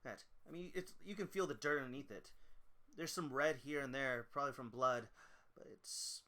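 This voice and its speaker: A man narrating as game master in a tabletop game, animated and laughing between his descriptions. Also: mid-range voice, normal speed.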